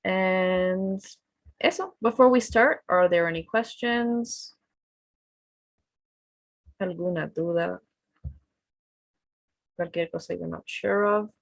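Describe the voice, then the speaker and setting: A woman's voice: fairly low pitch, takes it slowly, gravelly, pauses often, no echo. A woman teaching an online test-prep class, explaining tasks in a chatty mix of English and Spanish over a video call. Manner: relaxed, chatty, switches between English and Spanish.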